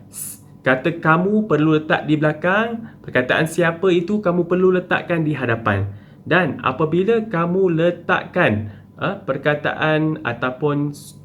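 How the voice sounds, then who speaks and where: A man's voice: on the high side, fairly bright tone, slight background noise. A man teaching a primary school lesson, explaining step by step with patient repetition. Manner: patient, step-by-step, with frequent "okey" and "ha" fillers.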